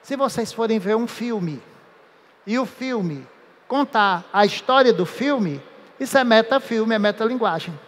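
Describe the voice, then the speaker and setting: A man's voice: high voice, lively intonation, fairly bright tone. Joking man teaching in a hall. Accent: Brazilian Portuguese. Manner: playful, joking, drawn-out emphasis. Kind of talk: lively classroom lecture with jokes. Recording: echoey hall.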